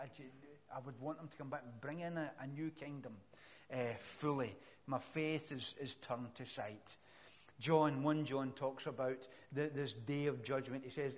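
Glaswegian man preaching a sermon. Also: fairly high pitch. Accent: Glaswegian Scottish. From Scotland. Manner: conversational, self-deprecating asides between scripture readings.

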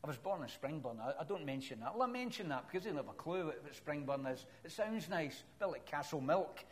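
Middle-aged Glaswegian preacher, slightly higher male voice, conversational sermon with wry asides. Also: expressive, fast. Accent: Glaswegian Scottish. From Scotland. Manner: conversational, self-deprecating asides between scripture readings.

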